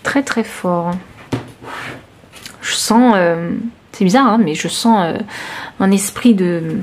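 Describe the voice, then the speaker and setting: A woman's voice: fairly low pitch, slow pace, a little hiss or hum. Hesitant woman giving a tarot reading. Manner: hesitant, searching, many fillers and restarts; intimate, reassuring, addresses viewer directly. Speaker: tarot reader. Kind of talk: intuitive tarot reading to camera.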